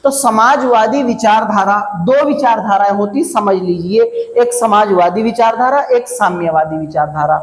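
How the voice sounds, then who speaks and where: A man teaching an exam prep lecture, slowly repeating key phrases to drill his students. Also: high voice. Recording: echoey classroom, long reverb.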